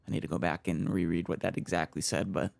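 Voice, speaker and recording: Very low, creaky woman commentating. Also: steady tone, fast talker, a little mellow, dry recording. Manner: musing aloud, reactive. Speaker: let's player. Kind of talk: casual gameplay commentary.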